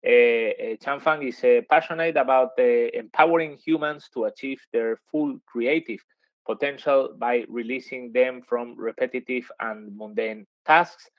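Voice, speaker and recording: A man's voice: mid-range voice, steady tone, a little slow, no echo. A man moderating a webinar, introducing speakers and asking questions with many hesitant fillers. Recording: dry, dull lo-fi sound.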